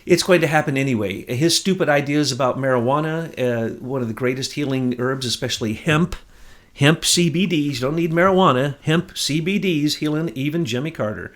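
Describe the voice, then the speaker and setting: A man co-hosting a political talk show, speaking in an indignant, emphatic way that rises to near shouts. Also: on the high side, a little fast. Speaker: podcast co-host. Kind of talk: heated political commentary.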